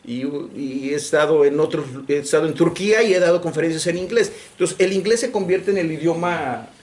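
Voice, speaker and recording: A man from Mexico giving a lecture in Spanish. He talks in an animated way with many restarts, and sometimes slips into English phrases. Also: on the high side, a little fast. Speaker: guest lecturer. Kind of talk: lecture discussion. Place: library lecture room.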